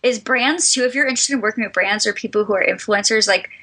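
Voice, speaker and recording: Bright-toned female podcast co-host. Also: mid-range voice, fast talker, poor audio. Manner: earnest, says "like" and "um" a lot. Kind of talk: casual podcast chat.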